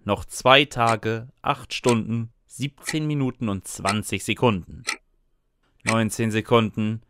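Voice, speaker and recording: Against a noisy background, a man with a lowish voice and fairly even intonation speaks slowly. In a scripted comic first-person piece, he is the narrator and lead character, a sarcastic student wryly narrating his chaotic life.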